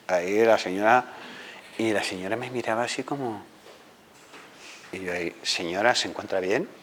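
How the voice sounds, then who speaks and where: A filmmaker from Ceuta telling a comic story to a live audience, acting out the characters and teasing the listeners. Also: male voice, lowish voice, a little hiss or hum. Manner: animated, acts out characters, teasing. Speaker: filmmaker and screenwriting teacher.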